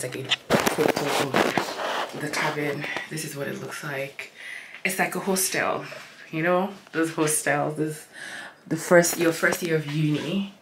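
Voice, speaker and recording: A woman's voice: sits low, echoey room, heavy background noise. A tired young woman vlogging to a handheld camera in a small airport sleeping cabin, chatty and rambling, often correcting herself. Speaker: travel vlogger. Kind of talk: casual vlog chat to camera. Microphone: handheld camera at arm's length.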